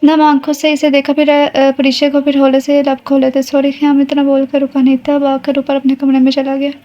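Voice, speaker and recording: A woman narrating a romance novel in an even, steady reading voice. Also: high voice, a little fast. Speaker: audiobook narrator. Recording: dull lo-fi audio.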